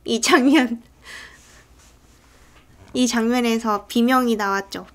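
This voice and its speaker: A woman's voice: on the high side, fairly even intonation, slow pace. A woman casually retelling a film's story scene by scene, in a chatty way that often breaks into acted character lines. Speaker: film recap narrator. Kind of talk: casual movie recap narration.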